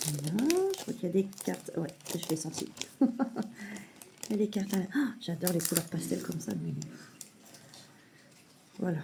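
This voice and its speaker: A woman showing a parcel in a casual vlog at home, hesitant with many fillers and softly gushing. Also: on the low side, animated, normal speed, gravelly, long pauses, background noise. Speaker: mother unboxing a parcel of saving challenges. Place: at home at a table.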